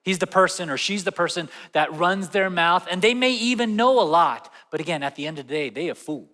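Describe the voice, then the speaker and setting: A young man preaching to a large congregation in a bright, fairly high voice. His delivery is conversational, full of questions to the audience, and it rings out with a long hall echo. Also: a little fast. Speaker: pastor. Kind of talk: sermon. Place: large church auditorium. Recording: echoey church hall.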